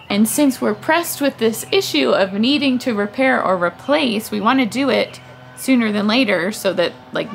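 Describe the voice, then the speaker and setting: On her front porch, a young adult woman who vlogs about family life rambles and thinks aloud to a handheld camera held close up. Her medium-pitched voice is gravelly, and the talk is casual, straight to camera.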